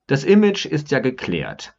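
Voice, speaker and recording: A Rhineland man from Germany, a podcaster and blogger, narrates his own scripted personal essay with wry, ironic storytelling. His mid-range voice is creaky and darkish, swooping wildly in pitch at an unhurried pace, and the recording is muffled.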